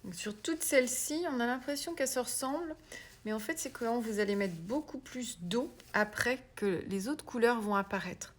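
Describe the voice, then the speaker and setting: A woman giving a casual craft tutorial. She talks chattily and drops into soft whispered asides as she works. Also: a little high, normal speed. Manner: self-mocking, laughs at her own English pronunciation. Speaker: craft demonstrator.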